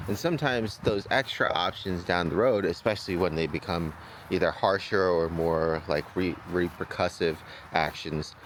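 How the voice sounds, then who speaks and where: A man's voice: low voice, moderate pace, a little hiss or hum. A man working as a dog trainer, explaining a training demonstration in a casual, think-aloud way outdoors. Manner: informal, thinking aloud, checking with "right?".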